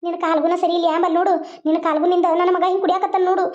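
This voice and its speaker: A woman's voice: very high voice, little pitch movement, rapid-fire, a little mellow, muffled recording. A woman voicing a bitter, taunting village mother-in-law. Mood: scolding. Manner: taunting, scolding.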